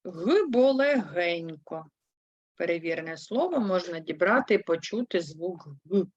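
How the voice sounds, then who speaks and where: A woman's voice: lowish voice, expressive, dry recording. Woman teacher doing a kids lesson, sounds out words bit by bit, dead dry muffled audio. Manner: slow, spelling words out syllable by syllable; patient, explaining step by step. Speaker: primary school teacher. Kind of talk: third-grade language lesson.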